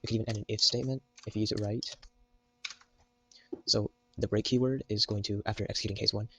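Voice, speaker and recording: A man's voice: on the low side, fairly even intonation, fast, a bit bright, a little hiss or hum, low-quality recording. A young man giving a casual, joke-filled programming tutorial while typing at his computer. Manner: jokey, meme-filled explaining. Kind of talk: casual screen-recorded coding tutorial.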